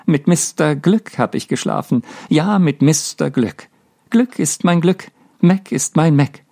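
Manic, giddy young woman, shrill and high-pitched, read by a man for an audiobook. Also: animated, slow pace, creaky, mellow, exaggerated voice. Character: young woman, frenzied and laughing wildly. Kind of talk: audiobook reading.

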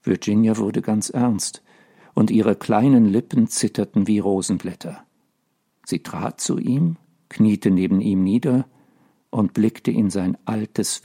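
A man reading a classic tale aloud as narrator, slow and expressive. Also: on the low side, breathy edge.

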